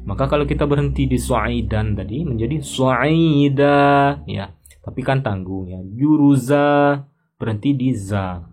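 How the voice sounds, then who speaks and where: Indonesian guy teaching tajwid real slow, repeats sounds over and over, chants the verses. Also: mid-range voice, darkish tone, breathy edge. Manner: patient, repeats syllables slowly for learners. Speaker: Quran recitation teacher.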